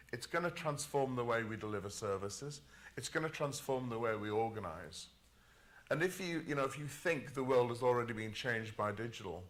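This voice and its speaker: A man speaking as a panelist at a conference, his voice sitting in an ordinary middle register. He talks in a measured, emphatic way and sometimes repeats a word as he builds a point. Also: mid-range voice, a bit bright.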